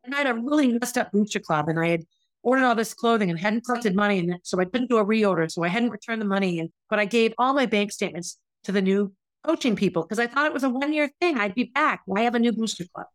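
A middle-aged woman, a former teacher who now hosts a podcast, delivers a candid, emotional solo monologue of personal stories. Her voice is fairly high and fast, captured with a dry, close sound.

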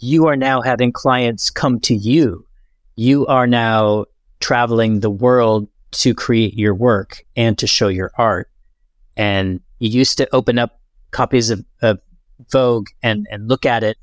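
A man conducts a conversational interview with an enthusiastic, affirming manner. His voice is mid-pitched, recorded dry and close. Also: a little slow, dry recording.

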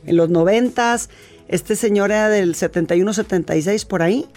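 A woman's voice: mid-range voice, a little fast, darkish tone, faint music behind. Chatty Mexican woman telling her story. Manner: chatty and storytelling, with frequent restarts. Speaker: laughter therapy expert guest. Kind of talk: conversational interview.

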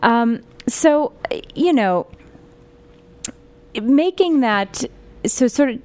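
A woman's voice: sits high, expressive, extremely slow, darkish tone. A woman hosting a podcast interview, chatting casually with fillers and restarts. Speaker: podcast host.

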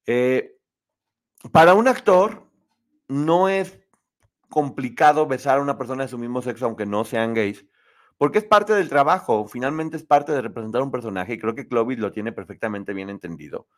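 On a casual live show, a man reads viewer comments out loud. He's chatty and opinionated, speaking at a moderate pace with an expressive voice whose pitch rises and falls a lot.

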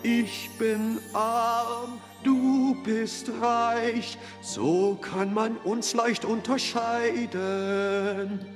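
A cheerful good-hearted nephew. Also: male voice, very high voice, little pitch movement, extremely slow, hardly any pauses, in a large hall, music in the background, exaggerated voice. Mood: cheerful song. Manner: friendly, good-humoured and pleading. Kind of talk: musical audio drama, sung and spoken.

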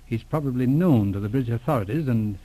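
In a 1940s radio drama, a man plays a shrewd, unflappable police inspector turned private detective, speaking wryly and matter-of-factly in a confiding, thoughtful mood. His mid-range voice is dark in tone, close to an everyday voice, with a quick pace, on a low-quality recording.

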